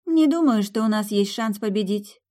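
An audiobook reader voicing a sad young blonde woman who is a worried bride candidate, speaking downcast and quietly resigned. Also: mid-range voice, lively intonation, normal speed, pitched above the performer's own voice, close to an everyday voice. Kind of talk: audiobook character voice.

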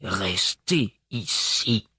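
A man's voice: fairly low pitch, animated, slow, darkish tone, slightly rough, no echo, studio quality, heavily acted. A man reading an audiobook, voicing a stern, distant man with hard intonation. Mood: angry.

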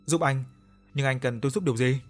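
A man's voice: mid-range voice, a little fast, faint music behind, lightly acted. A man voicing a frightened, panicked young woman in an audio story. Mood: puzzled.

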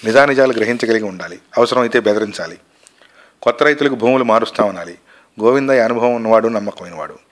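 A man reading a story aloud, voicing a calm, devoted young wife who talks patiently and reasonably. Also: fairly low pitch, quick pace, close to an everyday voice. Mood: soothing.

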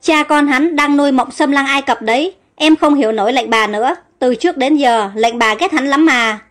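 A woman's voice: sits high, moderate pace, soft background music, close to an everyday voice. A woman voicing a loyal young servant girl who pleads urgently with her mistress. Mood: pleading.

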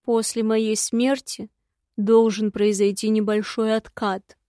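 A woman's voice: on the high side, flat delivery, takes it slowly, warm tone, dry recording, studio quality. Woman doing a grumbling eared imp. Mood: glum.

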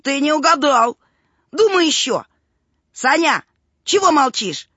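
A woman's voice: sits high, big pitch swings, measured pace, fairly bright tone, no echo, full character voice. A woman playing a teasing riddle-posing boy. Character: boy who poses riddles, a bit of a show-off. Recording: dull recording with faint music.

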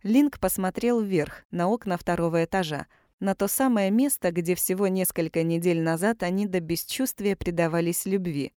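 Low-voiced woman reading an audiobook. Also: dry recording, clean studio sound. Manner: calm, measured reading. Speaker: audiobook narrator. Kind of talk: scripted narration.

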